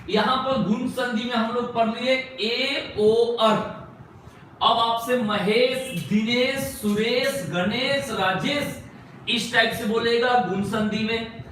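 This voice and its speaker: A man's voice: very high-pitched, fairly bright tone, a little hiss or hum. A man teaching Hindi grammar as a classroom lecture. He keeps asking questions and answering them himself, and he stretches out single sounds as he spells words. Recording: echoey room, far from the mic.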